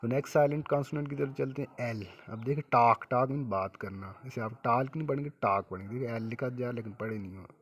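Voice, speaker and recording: A man's voice: mid-range voice, fast, hardly any pauses, slightly rough. A man giving a classroom-style English lesson, repeating each word and asking questions that he answers himself. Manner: repeats words and asks questions then answers them himself; ends phrases with a checking "okay". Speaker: English teacher.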